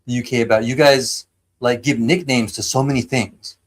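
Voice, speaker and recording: A man from San Diego in the United States hosts a casual live stream, chatting enthusiastically with plenty of fillers and restarts. His mid-range voice stays steady and moderately paced.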